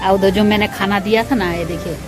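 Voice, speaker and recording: A woman vlogger talks in a relaxed, chatty, homely way, addressing her viewers directly as she goes about her day at home. Her voice sits at a middle pitch, and loud background music plays under her speech. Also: fairly quick. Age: adult, mother of school-age children. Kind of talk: casual chat narrating a cooking routine.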